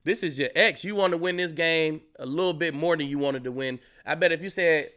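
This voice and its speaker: Bright, smooth-voiced ex-player host. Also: male voice, fairly high pitch, fairly quick. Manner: laid-back, relaxed slang, keeps saying "you know what I'm saying". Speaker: podcast host, former football player. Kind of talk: casual podcast chat.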